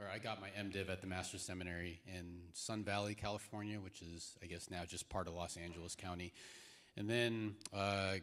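Pastor guy from the philippines, lowish voice, easygoing rambly storytelling, big reverby hall. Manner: relaxed storytelling, many fillers. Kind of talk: answering questions on stage. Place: church sanctuary stage. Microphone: handheld mic. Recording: echoey hall with long reverb.

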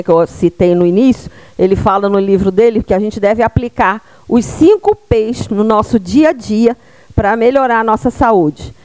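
A woman's voice: on the high side, mellow, no echo. A middle-aged woman from Brazil giving a public health lecture in a small room, speaking into a handheld microphone and checking in with her audience through frequent tag questions.

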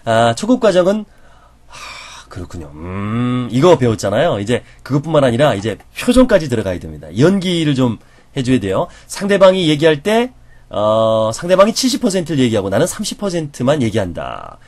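A male professor teaching a lecture in a slightly husky voice that swings up and down in pitch all the time. He is animated and acts out everyday reactions as he explains them. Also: a little fast. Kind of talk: lecture on conversation skills.

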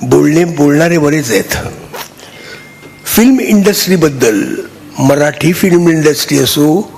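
An older man gives a halting, chatty speech on stage, thanking people and joking with the audience. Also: a little high, vocal fry, a little hiss or hum. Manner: halting, restarts, warm and chatty with the crowd. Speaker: honoree giving a speech.

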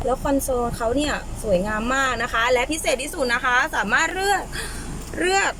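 A young woman with a high voice presents a car at an auction lot in chatty sales patter, constantly turning to her viewers. The camera's own mic picks her up on a live stream. Loud lot noise runs under her voice. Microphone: camera's own mic, no external mic.

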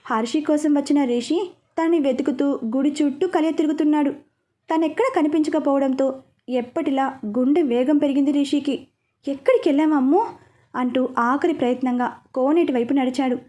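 High-voiced woman narrating a story. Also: fairly even intonation, normal speed, mellow. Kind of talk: reading a serialized story.

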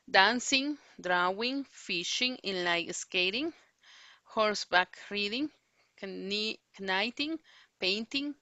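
Slow-paced, bright-voiced woman teacher. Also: mid-range voice, expressive, dry recording, muffled recording. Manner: explains in Spanish, models English words slowly and repeats them. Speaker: English teacher. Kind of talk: online class walkthrough.

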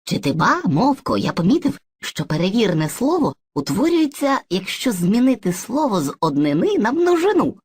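A woman's voice: medium pitch, big pitch swings, normal speed, hardly any pauses, a little mellow, slightly rough, dry recording, studio quality. A woman voicing Surzhyk, an eager, muddled boy who is personified mixed speech, in an educational cartoon, boastful and hesitant by turns. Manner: boastful, hesitant, playfully theatrical.

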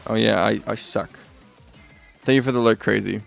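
A man's voice: on the low side, fairly even intonation, moderate pace, creaky, faint music behind. A man streaming a video game live, chatting casually and rambling, often muttering asides and correcting himself. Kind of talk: casual live gameplay chat.

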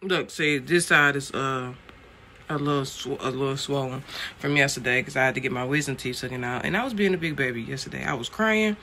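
A man's voice: mid-range voice, brisk, sharp tone, a little hiss or hum. A man in his late twenties chatting animatedly to his viewers in a casual vlog, calling them y'all. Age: late 20s. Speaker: vlogger.

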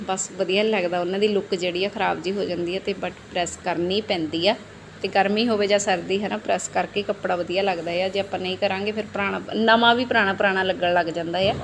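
A woman's voice: mid-range voice, a little hiss or hum. A woman in her thirties, a family vlogger and mother, chatting through a casual voice-over and often tagging her sentences with little questions. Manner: chatty, often adds "hai na" tag questions.

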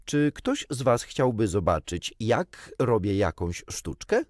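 A man voicing a shy, obedient boy who speaks earnestly and gravely. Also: on the low side, sing-song, darkish tone, no room sound, studio quality. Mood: solemn. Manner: shy, solemn, drawn-out.

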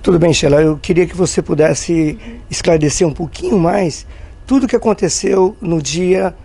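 A woman's voice: lowish voice, normal speed, creaky, mellow. A woman presents the story, speaks straight to viewers, and interviews the guest. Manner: direct, addresses the audience. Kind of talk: news commentary addressing viewers.

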